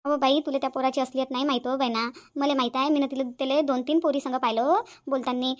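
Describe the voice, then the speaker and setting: Brief: advice-giving cartoon auntie, voiced by a woman, quick delivery. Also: high-pitched, level tone, lightly acted. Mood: coaxing. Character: meddling middle-aged neighbor aunt, advising. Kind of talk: cartoon voice acting.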